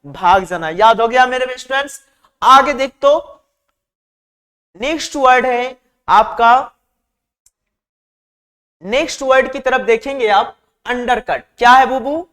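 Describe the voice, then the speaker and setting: A man's voice: very high-pitched, measured pace, pauses often. Male vocab tutor, chatty drill style, echoing hall sound. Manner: repetitive call-and-response drilling; warm and chatty with students. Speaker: vocabulary teacher. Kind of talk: exam-prep vocabulary lesson.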